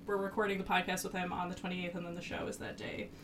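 A woman co-hosting a podcast, telling stories in animated casual chat, full of "like". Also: fairly low pitch, quick pace. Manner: animated, lots of "like". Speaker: podcast co-host. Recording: noisy, distant mic.

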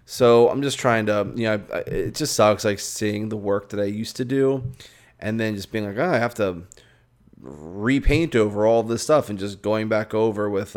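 A tired young man talking frankly and rambling on his own podcast, swearing and restarting his sentences often. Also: on the low side. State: tired, yawning. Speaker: podcast host. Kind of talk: casual solo podcast monologue.

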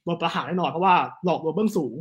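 Guy rattling off history stories, high voice, talks really fast. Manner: animated, fast storytelling with quick asides. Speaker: guest storyteller on history. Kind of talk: casual history chat.

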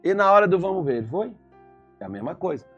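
A man's voice: sits high, quick pace, husky, lo-fi sound, faint music behind. A Brazilian man preaching as a pastor, telling stories and firing rhetorical questions. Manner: animated storytelling, rhetorical questions. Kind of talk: sermon.

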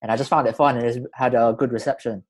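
A man's voice: mid-range voice, steady tone, fast. London roadman podcast host, slangy man. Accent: London roadman, urban slang. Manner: slangy, informal, repeats himself. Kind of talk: casual podcast chat.

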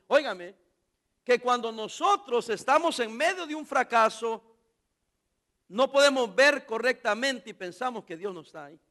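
Pastor guy preaching, really high bright voice, lots of questions to the church. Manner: preaching with rhetorical questions to the congregation; animated, acts out quoted voices. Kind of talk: sermon.

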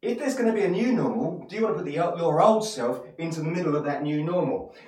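A pastor from Essex, England, with an Essex accent and a slightly high, expressive, darkish voice, delivers an encouraging, motivational sermon at a quick pace. He addresses listeners directly, using rhetorical questions and repeated phrases. The room echoes and the microphone is distant.

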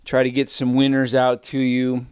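A man's voice: mid-range voice, completely flat delivery, moderate pace, a little mellow, clear, resonant tone, no room sound, clean studio sound. Breathless middle-aged male podcast host. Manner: rambling, self-deprecating, goes off on tangents. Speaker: sports betting podcast host. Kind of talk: casual solo podcast chat.

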